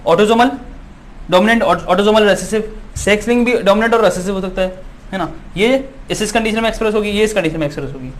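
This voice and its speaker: A male biology teacher giving an exam-prep lecture, repeating points and constantly checking that students follow, insistent and reassuring. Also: high-pitched. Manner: repetitive, keeps asking "है ना" to check students follow; reassuring and insistent, promises results.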